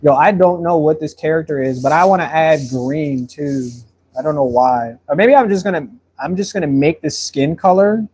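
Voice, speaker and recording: A man's voice: a little high, normal speed, darkish tone, husky. Chatty man rambling while he paints. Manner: rambling, friendly, repeats words while thinking. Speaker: painter streaming and answering viewer comments. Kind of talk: casual live-stream chat while painting.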